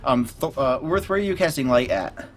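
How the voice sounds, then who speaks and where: A man running a tabletop game as game master, narrating in a halting way full of ums and restarts. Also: medium pitch.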